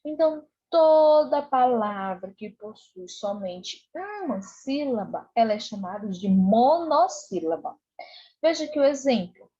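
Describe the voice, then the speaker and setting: A woman's voice: fairly high pitch, lively intonation, unhurried, warm tone, breathy edge, highs cut off. A Brazilian woman teacher giving an online lesson for children, patient and repetitive, checking in often. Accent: Brazilian Portuguese. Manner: patient, repeats with "né?" and "tá bom?".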